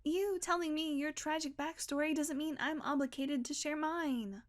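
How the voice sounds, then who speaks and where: In an intimate audio roleplay, a woman plays a sardonic, blunt vampire who cares for the listener in a guarded way and coaxes them along. Her high-sitting voice is lightly acted and fairly even, and she sounds irritated and wary, sighing, sarcastic, and pausing on purpose.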